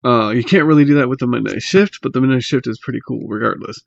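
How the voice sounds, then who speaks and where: A man giving a casual, unscripted tutorial in a halting, hesitant way, pausing mid-phrase, recorded on a laptop microphone. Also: medium pitch, creaky, highs cut off. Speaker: magic tutorial host. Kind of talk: casual unscripted how-to explanation. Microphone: laptop built-in mic.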